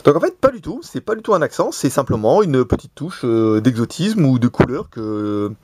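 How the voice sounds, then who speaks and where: A man's voice: medium pitch, big pitch swings, moderate pace, noisy background. A man from Lyon with a put-on southern French accent, hosting a casual tech review in a chatty, joking way from an office. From Lyon, France. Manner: jokey, chatty, many fillers. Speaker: tech reviewer, show host. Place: office in Shenzhen.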